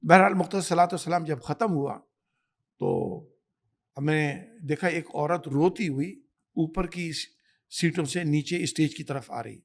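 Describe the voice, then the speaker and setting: Emphatic preaching imam, slightly high voice. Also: male voice. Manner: emphatic, storytelling, exhorting. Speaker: imam and guest scholar. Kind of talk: podcast interview, preaching. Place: Canada.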